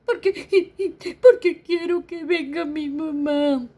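A woman's voice: very high-pitched, fairly even intonation, slow pace, sharp tone, voice pushed up, exaggerated voice. A woman voicing a scared, whiny little boy elephant who sobs and pleads in a storybook reading. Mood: sobbing. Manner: sobbing, pleading.

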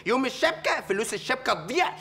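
An actor playing an exasperated young male lawyer who grumbles to his mother with an Egyptian accent, animated and comic. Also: very high voice, rapid-fire, faint music behind, heavily acted. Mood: complaining. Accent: Egyptian Arabic. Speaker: actor in a TV comedy series.

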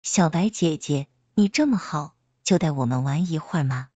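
A woman's voice: sits low, animated, normal speed, mellow, no room sound, highs cut off. A woman reading a story aloud, voicing a cheeky, playful young man who wheedles and teases.

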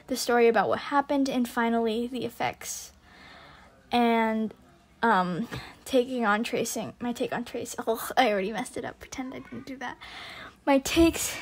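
A woman with a fairly high voice and a raspy edge narrates casual commentary for her videos. She speaks hesitantly, rambling a little and correcting herself as she goes. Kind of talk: casual commentary on online drama, loosely scripted.

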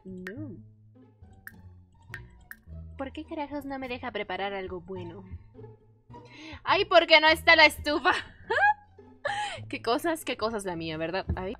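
Woman streamer, high and animated, playful let's-play commentary with music faint behind. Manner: animated, dramatic, jokey, playful outbursts. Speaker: gaming youtuber.

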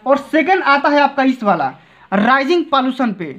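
The exam-prep teacher here has a high, slightly bright voice, animated and at normal speed. He coaxes his students through the explanation with repeated check-in tags at an indoor desk filmed from above, and the phone audio is muffled and lo-fi.

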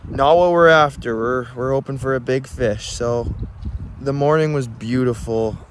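A man's voice: mid-range voice, a little slow, a little hiss or hum. A young man in his twenties talking casually and cheerfully to camera while fishing from a canoe on a lake, laughing often and exclaiming when fish bite. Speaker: angler vlogger. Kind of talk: casual outdoor vlog narration. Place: canoe on an open lake outdoors.

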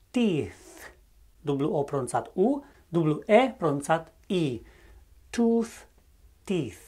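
A teacher from Romania giving a scripted grammar lesson, explaining clearly and methodically and repeating each English example slowly with its translation. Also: mid-range voice.

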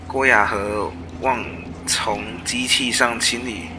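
A man with a Taiwanese Mandarin accent giving casual let's-play commentary, muttering to himself and haltingly reading text aloud. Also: mid-range voice, steady tone, background noise. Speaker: game streamer. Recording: game music behind the voice. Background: video game music and sounds.

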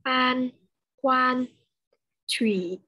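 A woman student reading a Chinese vocabulary list aloud in a slow, halting way. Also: high-pitched, pushed and bright. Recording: muffled lo-fi line.

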